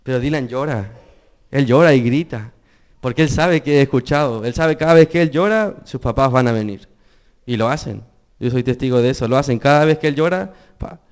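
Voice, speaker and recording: A man's voice: mid-range voice, a little fast. A young man preaching a sermon, earnest, asking the congregation questions.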